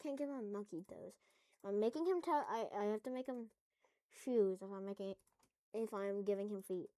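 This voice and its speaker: A woman's voice: medium pitch, normal speed, dark tone, no echo. A woman at home making a casual coding tutorial, rambling through jokey asides as she works. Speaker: tutorial maker.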